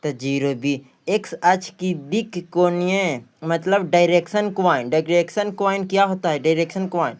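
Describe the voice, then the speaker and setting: In this exam practice lesson, a Bihari-accented man teaches maths by repeating phrases and posing questions he then answers himself. He has a high voice and speaks at a moderate pace with few pauses.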